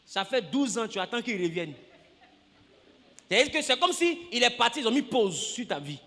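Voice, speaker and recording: A pastor preaching a lively sermon, acting out scenes, shouting and laughing with the congregation. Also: male voice, very high voice, moderate pace, in a large hall.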